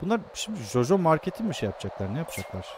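A man's voice: fairly high pitch, sing-song, racing. A man casually commenting on a farming game as he plays, reading the game's dialogue aloud and laughing often. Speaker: gameplay streamer. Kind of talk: casual let's-play commentary. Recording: faint game music behind.

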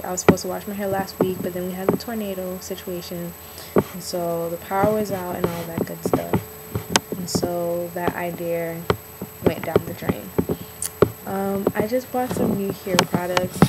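A young adult woman vlogs casually to her webcam from her bedroom, filling her speech with ums and likes. Her voice is fairly low and slightly hoarse, recorded close up on the webcam's built-in mic with heavy background noise.

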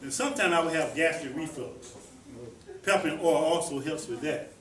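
A man's voice: on the high side, normal speed, fairly bright tone. Folksy man lecturing from across an echoey room. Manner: folksy, repetitive, asks the audience questions. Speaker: presenter teaching about herbs. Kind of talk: informal talk to a small audience. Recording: echoey room, voice heard from a distance.

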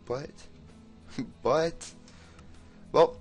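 A young man giving casual, excitable commentary while he plays, exclaiming often and talking to the characters on screen. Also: fairly high pitch, extremely slow, breathy edge, soft background music. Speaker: gameplay commentator.

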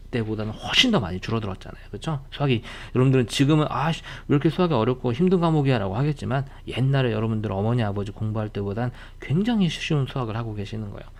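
A male math teacher giving a recorded online lesson. He talks at a mid pitch and works through each problem briskly, repeating the same reminders again and again. Now and then he breaks off into friendly lecturing asides. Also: a little mellow.

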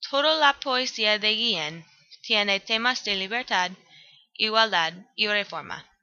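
Reading her poem analysis for a school presentation, a woman student speaks evenly in a bright, forceful, mid-range voice, making a few grammar slips. There's no echo, and the lo-fi recording sounds dull and dry.

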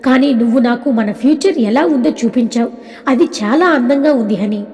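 A woman voicing an earnest, gently teasing young college man in an audio story, speaking softly and sincerely. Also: a little high, moderate pace, lightly acted. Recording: long hall reverb.

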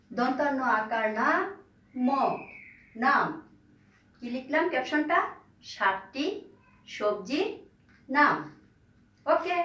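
A woman's voice: sits high, a bit bright, roomy sound, distant mic, rough recording. A woman primary school teacher gives a recorded lesson, spelling each word letter by letter, repeating it, and checking that the pupils have written it down.

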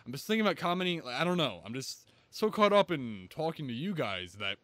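A man giving excitable let's-play commentary, swearing freely and breaking into loud yelps. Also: a little high, brisk, no room sound. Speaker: gaming video creator.

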